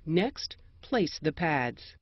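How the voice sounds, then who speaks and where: American narrator, medium pitch, scripted instructional read, measured, formal, dry dull lo-fi audio. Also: very animated, dry recording.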